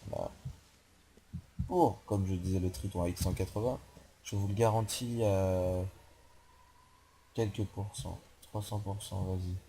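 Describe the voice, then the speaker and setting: A young man commenting on a horror game he is playing, rambling and joking, swearing and yelling when startled. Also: sits low, fairly even intonation, unhurried, long pauses, a little hiss or hum. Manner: rambling, jokey, swears, yells at scares. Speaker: gaming youtuber.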